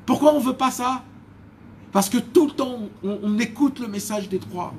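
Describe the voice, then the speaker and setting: A man's voice: very high-pitched, normal speed, a little hiss or hum. A male religious teacher giving a Torah lesson, telling the story dramatically and addressing his listeners as friends.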